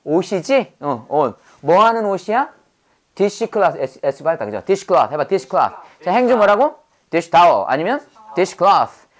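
A woman teaching an English vocabulary lesson, lively and drilling her learners with prompts to repeat after her. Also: fairly low pitch, moderate pace.

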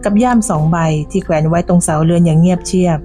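A woman narrating a scripted village story in a measured, descriptive way. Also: lowish voice, fairly even intonation, warm tone, faint music behind.

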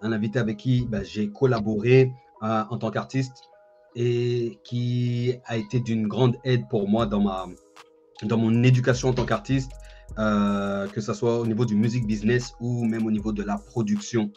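Lowish, dark and flat, this man's voice moves at normal speed as he hosts and interviews casually, frequently repeating phrases. In his thirties, he's on a video call from a bookshelf-lined indoor room, where the online audio is dull and lo-fi with music behind.

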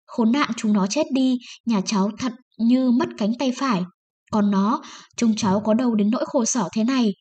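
A woman's voice: a little high, moderate pace, darkish tone, slightly rough, highs cut off. A woman voicing a poor, desperate peasant wife who pleads and sobs, raising her voice above her reading tone. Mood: sobbing. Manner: pleading, sobbing.

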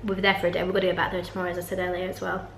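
A young woman, chatting candidly to a handheld camera in a holiday flat. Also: on the low side, very fast, gravelly, a little hiss or hum. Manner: chatty and candid, with small restarts. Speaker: vlogger. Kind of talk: casual vlog. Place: holiday rental flat, bathroom and sitting room. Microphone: handheld camera at arm's length. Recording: echoey small rooms.

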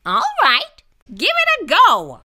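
A woman voicing a strict long-necked male monster teacher, speaking in a lower, measured and instructive way. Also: wildly swooping pitch, pushed and bright, exaggerated voice. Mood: stern, instructive.

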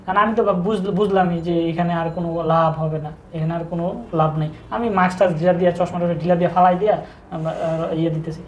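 A man's voice: fairly high pitch, fairly even intonation. Subdued young man. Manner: subdued, halting, restarts words often. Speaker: interview guest telling his breakup story. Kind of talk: casual personal storytelling. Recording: echoey room with faint background noise.

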